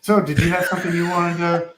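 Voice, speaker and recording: A man's voice: high-pitched, monotone, fast talker, noisy background. A male podcast host in casual chat, rambling and often correcting himself. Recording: roomy echo.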